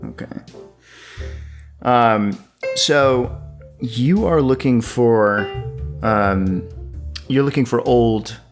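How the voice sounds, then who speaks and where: A man running a tabletop game as game master, improvising narration in a hesitant, halting way. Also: medium pitch. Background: soft guitar music.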